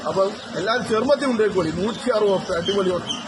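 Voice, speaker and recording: A man with a Malabar Malayalam accent gives excited, exclamatory sales patter as a fish vendor, repeating catchphrases and prices. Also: high-pitched, very fast. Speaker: fish market vendor promoting the day's catch. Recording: loud street noise, traffic and crowd.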